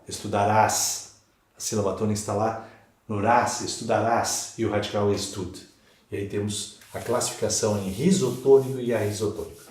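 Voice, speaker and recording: A Brazilian man teaching a Portuguese grammar lesson for exam prep, in a slow and emphatic way. He repeats key words and checks in with the class. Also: on the low side, a little mellow. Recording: echoey room.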